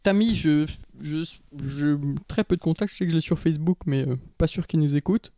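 A man in his thirties telling a personal anecdote on a podcast in an animated, theatrical way. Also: on the high side, a little fast, no room sound, clean studio sound. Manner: animated, theatrical storytelling with restarts. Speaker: podcast columnist.

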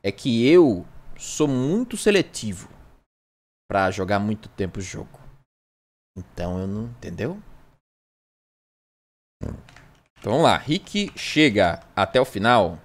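A man's voice: on the low side, big pitch swings, takes it slowly, long pauses. A man with a Brazilian accent chatting casually on a gaming livestream, rambling and joking at himself. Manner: rambling, jokey, self-mocking.

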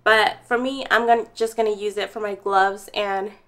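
In her bright living room, a young home fitness vlogger chats straight to viewers in a casual, upbeat product review. Her mid-range voice is fairly bright, with fairly even intonation and a normal pace.

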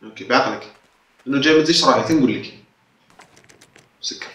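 A man's voice: medium pitch, fast talker, fairly bright tone, muffled recording. A young man giving chatty let's-play commentary, mixing in English words from the game. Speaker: gaming YouTuber. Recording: roomy distant mic with game music.

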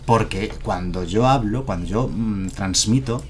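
A Madrid man in his thirties speaks at a measured pace in a fairly low voice, with faint music playing behind. In his Madrid Spanish accent, he casually thinks aloud into a headset mic while streaming a card game from his home streaming room, offering live gameplay commentary with self-deprecating chuckles.

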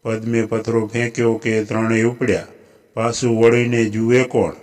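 A man with a Gujarati accent narrating a folk tale in a steady, even storytelling voice. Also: medium pitch, normal speed.

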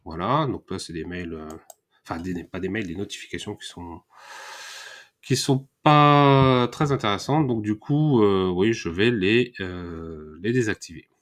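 A man with a fairly low voice walks viewers through a website tutorial in a relaxed, chatty way. He hesitates often, filling pauses and restarting his phrases as he clicks along. He sounds like he is speaking into a desktop microphone over a screen recording. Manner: hesitant, many "euh" fillers and restarts. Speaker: WordPress tutorial host.

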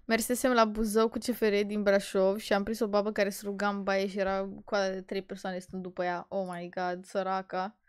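A young woman from Romania streaming, ranting casually and sarcastically with dramatic swings between muttering and loud outbursts. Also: little pitch movement, few pauses, clean tone. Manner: exasperated, sarcastic, dramatic swings in loudness and pitch. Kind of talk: casual rant.

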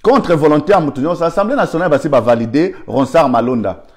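A man's voice: a little high, lively intonation, fast, darkish tone. Congolese man ranting about politics. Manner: argumentative, rhetorical questions, reads viewer comments. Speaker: political commentator. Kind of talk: political commentary monologue.

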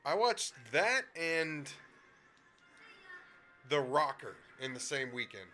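A man's voice: a little high, big pitch swings, slow pace, sharp tone. A young man watching a friend play, chatting and swearing about old movies, with game music behind. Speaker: let's play co-host. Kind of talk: casual gaming commentary.

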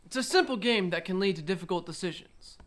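A menacing outlaw card dealer acted by a man speaks in a notably high voice. He is smug and folksy, taunting with deliberate words, as in a western film. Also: lively intonation, a bit bright. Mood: smooth, taunting.

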